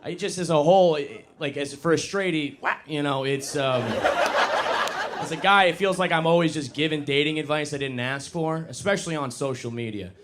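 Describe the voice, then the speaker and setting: A young man performing a stand-up comedy set on a club stage, self-deprecating and deadpan, then suddenly loud. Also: fairly high pitch, normal speed, crowd noise. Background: audience laughter.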